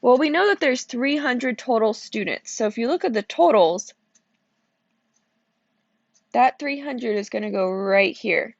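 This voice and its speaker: A woman's voice: on the high side, lively intonation, unhurried, pauses often, no echo, dull audio. A woman teacher walking through probability problems step by step, sleepy and checking in with "okay?" as she goes. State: sleepy, yawning. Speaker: math teacher. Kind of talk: recorded classroom lesson walkthrough.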